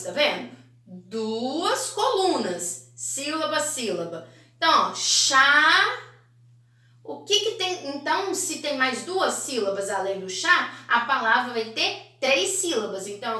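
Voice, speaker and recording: A Brazilian woman teacher correcting exercises in a recorded class for children, slow and encouraging, in a sing-song manner. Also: high-pitched, sharp tone. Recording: echoey room, mic at a distance.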